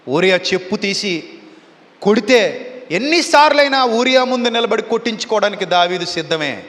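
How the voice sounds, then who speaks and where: A man's voice: sits high, fairly bright tone. A man preaching a sermon with fervent, emphatic repetition. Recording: long hall reverb.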